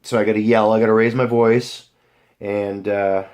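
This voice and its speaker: Speaking in a fairly low, slightly mellow voice with little pitch movement, a young man talks at a normal pace. In casual vlog chat he rambles to viewers, often restarting and leaning on fillers.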